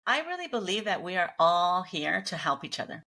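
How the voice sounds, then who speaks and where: A woman's voice: fairly low pitch, big pitch swings, fairly quick, pushed and bright. A middle-aged woman whose first language is Spanish, speaking earnestly and upbeat as a guest in a casual interview. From Mexican family, grew up in Los Angeles.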